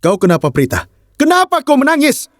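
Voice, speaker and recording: A man's voice: extremely high pitch, wildly swooping pitch, brisk, no room sound, studio quality, full character voice. An actor dubbing a hot-headed young husband who scolds and pleads with his wife in a TV drama. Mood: scolding. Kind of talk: dubbed TV drama.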